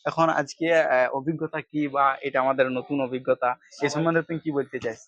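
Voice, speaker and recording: A man's voice: medium pitch, fairly even intonation, brisk, fairly bright tone, no room sound, dull audio. A young man narrating a casual travel vlog aboard a ferry, guiding viewers along with lots of fillers. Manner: chatty, guiding, frequent fillers. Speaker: vlogger.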